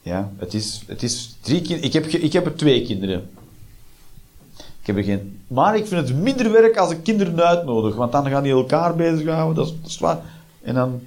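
Animated stand-up comedian, man. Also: on the high side, gravelly. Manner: deadpan dark jokes mixed with sudden shrieking voices.

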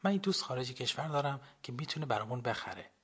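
A young university woman who teases her friend and cares about him, upbeat and a little husky , voiced by a man reading the story. She speaks a little louder than the narration around her, as a warm presence in a radio storybook. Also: mid-range voice, lively intonation. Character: young woman student, cheerful, teasing, caring friend.

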